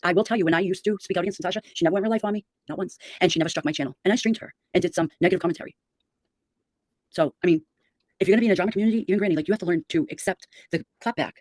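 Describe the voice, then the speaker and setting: A woman's voice: on the low side, racing, a little mellow, no room sound. A middle-aged woman chatting casually and giving opinionated gossip on a livestream.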